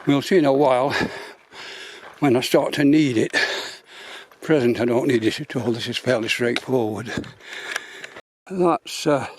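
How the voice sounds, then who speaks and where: A man, out of breath, rambling slowly with many pauses while filming his walk on a quiet mountain path. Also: mid-range voice. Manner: slow, rambling, many uhs. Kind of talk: casual walking vlog.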